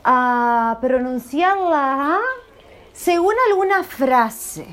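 Woman teacher, high voice, unhurried, plays out every sound for the kids. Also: animated. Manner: playful, theatrical, acts out sounds for children. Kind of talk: classroom voice exercise with children.

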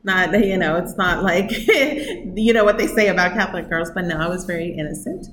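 A woman's voice: on the low side, lively intonation, fairly quick. Chatty woman in an echoey room. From New York. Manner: chatty, laughs often, many fillers. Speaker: coffee shop owner, guest. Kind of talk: casual interview. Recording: echoey room with background noise.

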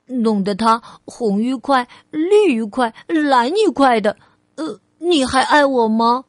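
A woman's voice: expressive, slow, no room sound, studio quality. A woman doing a small anxious little girl. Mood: pleading. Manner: asks questions in a higher, louder child voice.

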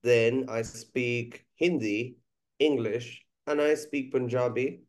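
An Indian man whose first language is Bengali appears as a guest musician and teacher on a conversational podcast. His mid-range voice holds a steady tone as he speaks in a measured, thoughtful way, often pausing with "uh."

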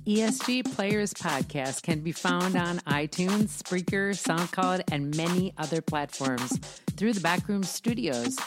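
A woman's voice: fairly low pitch, animated, measured pace. A woman reading a scripted podcast outro announcement, giving details carefully. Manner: careful spelling-out of contact details. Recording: music bed behind the voice.

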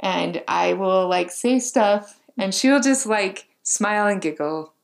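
A woman's voice: mid-range voice, slow, gravelly. A woman hosting a faith podcast, talking casually with lots of fillers and gushing praise for her guest. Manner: warm, gushing, filler-heavy with many "like"s. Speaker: podcast host.

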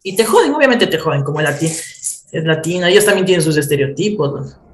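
A man's voice: fairly high pitch, sing-song, brisk. A man with an Ecuadorian accent, telling stories in a casual chat and laughing as he goes. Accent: Ecuadorian Spanish. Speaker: guest. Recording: roomy echo.

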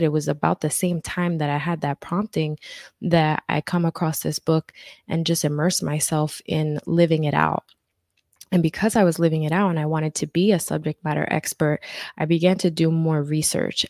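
A woman's voice: deep voice, gravelly, a little mellow, dry recording, clean studio sound. A woman life coach telling her story in an earnest, conversational interview. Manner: earnest, faith-centered storytelling.

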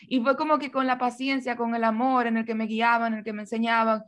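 A young woman with a Dominican accent, telling a story as a guest in a casual chat, animated and full of fillers. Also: a little high, a little fast. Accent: Dominican Spanish. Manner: animated, many fillers and restarts.

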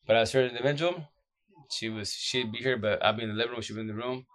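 A man with a deep, groggy, exhausted voice giving casual, blunt relationship advice off the cuff in slangy, repetitive phrases. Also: fast, background noise. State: exhausted, short of sleep. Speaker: social media advice streamer.

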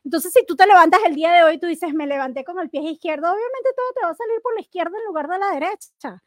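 A woman gives a motivational self-help talk in a high, bright voice. She is earnest and speaks straight to her listeners, now and then acting out little everyday exchanges. The sound is close and dry, with no room around it. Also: fast, no echo. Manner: earnest, addresses listeners directly, acts out everyday dialogue. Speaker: podcast host.

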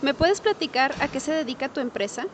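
High-voiced woman interviewer. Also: expressive, slight background noise. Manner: polite, deliberate questioning. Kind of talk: interview questions.

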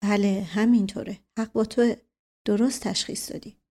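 A woman voicing an easygoing, teasing older man in an audiobook, with relaxed joking banter. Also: high voice. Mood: wry. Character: easygoing older male prince, wry and teasing. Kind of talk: audiobook character reading.

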